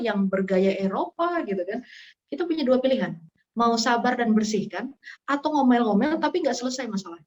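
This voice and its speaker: Young woman, lively storyteller, fairly high voice, dull lo-fi stream sound. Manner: lively storytelling, acts out scenes with sound effects. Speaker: guest speaker. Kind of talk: casual religious talk.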